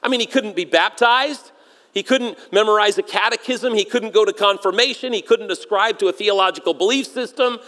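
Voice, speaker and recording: A man, a pastor, preaching a sermon with emphatic delivery that sinks low and quiet for solemn moments. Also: fairly quick, long reverb tail. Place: church sanctuary.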